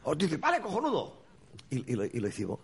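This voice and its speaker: A comic actor, telling earthy, swear-filled anecdotes in a casual interview and acting out quotes. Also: male voice, mid-range voice, lively intonation, fast, gravelly, a little mellow, breathy edge.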